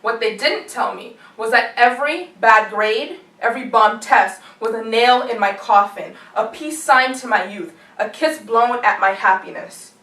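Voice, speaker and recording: A woman's voice: fairly high pitch, measured pace, hardly any pauses. Emphatic teenage girl performing slam poetry. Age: late teens. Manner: rhythmic, emphatic delivery with sharp swings in loudness. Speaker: slam poet. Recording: echoey room, heard from far off.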